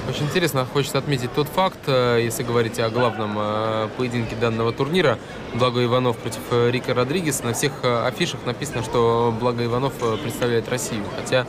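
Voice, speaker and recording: A man's voice: mid-range voice, fairly even intonation, quick pace. Male fight commentator over roaring crowd. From Russia. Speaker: MMA commentator. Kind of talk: live sports commentary. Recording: loud crowd and venue noise behind.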